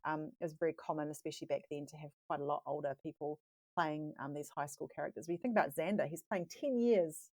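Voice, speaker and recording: A woman's voice: sits low, fast, darkish tone, no echo. A woman guest on a podcast, explaining things thoughtfully in casual chat, with frequent fillers.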